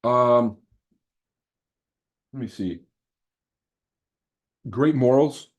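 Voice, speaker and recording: Speaking extremely slowly at a medium pitch, a Lebanese man, native in Arabic and French, hosts a trading livestream. His chat with live viewers is casual, slangy and boastful, peppered with swearing.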